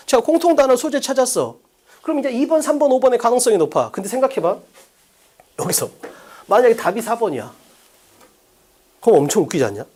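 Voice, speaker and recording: Middle-aged guy teaching an exam prep class, voice jumps up and down a lot, keeps quizzing the students. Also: extremely high pitch. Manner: animated, rhetorical questions to students. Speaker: English teacher. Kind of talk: lecture to students.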